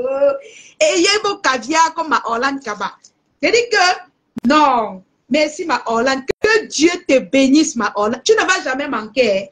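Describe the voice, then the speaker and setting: A young Cameroonian woman with a Cameroonian French accent, selling goods on a live stream and chatting warmly to her viewers. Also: high-pitched. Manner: lively, addresses viewers as aunties. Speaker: live seller. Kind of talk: casual live-stream sales chat.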